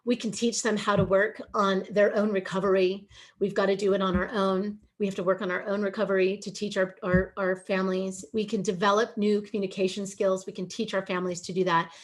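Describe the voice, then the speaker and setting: Female webinar speaker, earnest and emphatic, average pitch, video call. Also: little pitch movement, fairly quick. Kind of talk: emotional presentation.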